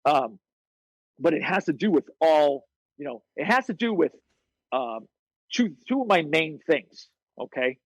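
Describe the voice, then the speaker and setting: A man who works as a fitness coach, telling stories as a podcast guest in a blunt, profane, animated way. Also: a little high, measured pace, breathy edge, no room sound, poor audio. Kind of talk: casual interview storytelling.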